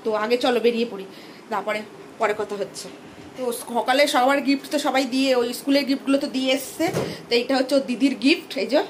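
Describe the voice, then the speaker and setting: Fast-talking young mother vlogging. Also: high-pitched, fairly even intonation, noisy background. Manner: chatty, talks straight to viewers. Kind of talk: casual daily vlog narration. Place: outdoors on the street, then at home.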